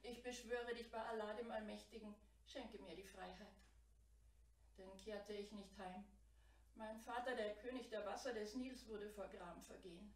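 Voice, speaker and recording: A woman's voice: medium pitch, fairly even intonation, moderate pace, close to an everyday voice. A solemn enchanted fish, son of a river king, pleads for his freedom, as a woman storyteller puts him on. The fairy-tale voice rings in an echoey room. It is picked up from some distance. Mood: pleading. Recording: roomy, distant mic.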